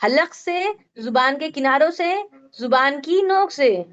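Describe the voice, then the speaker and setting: A woman's voice: high-pitched, lively intonation, slow pace, fairly bright tone, dull audio. A woman teaching a Quran recitation class online, explaining rules patiently step by step and quizzing her students. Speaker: tajweed teacher.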